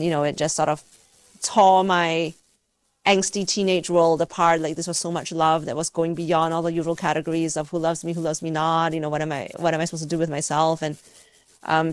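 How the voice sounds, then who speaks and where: With a low voice and no echo, a woman from Malaysia is an interview guest who works as a scientist and university teacher. Her replies are thoughtful and conversational, halting as she hunts for the right words.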